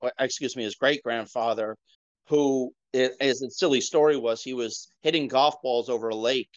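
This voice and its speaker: A man's voice: medium pitch, normal speed, no room sound. Rambling man on a dry, dull mic. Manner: rambling storyteller. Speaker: podcast co-host. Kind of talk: casual podcast chat.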